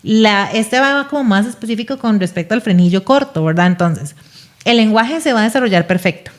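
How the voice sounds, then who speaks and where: A woman's voice: mid-range voice, lively intonation, a little fast. A woman speaking as a speech therapist guest on a podcast, explaining patiently and often checking in with "¿verdad?".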